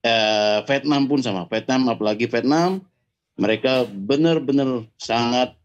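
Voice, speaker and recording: A man's voice: medium pitch, unhurried. A man in his forties, a guest and former national team striker, answers hesitantly with many fillers over a remote call line that keeps breaking up. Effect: call line with dull, lo-fi sound that keeps breaking up. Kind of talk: casual interview answers.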